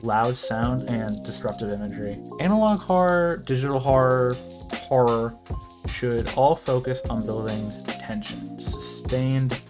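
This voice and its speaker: Speaking a bit slowly at a medium pitch, this video essay creator from the United States is a young man delivering opinionated commentary. His tone is emphatic, occasionally exasperated, over background music.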